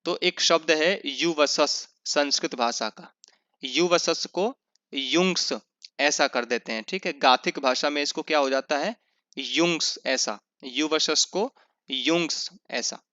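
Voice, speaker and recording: Male teacher for an online revision class, with a crisp, forceful voice and a dry, close sound; he asks and answers his own questions and spells out the examples slowly. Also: on the high side, no room sound. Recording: dull lo-fi sound.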